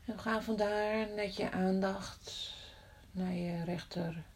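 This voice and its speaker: A woman guiding a body-scan meditation in a soft, often whispered voice, slow and calm with long pauses. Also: mid-range voice. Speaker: meditation guide.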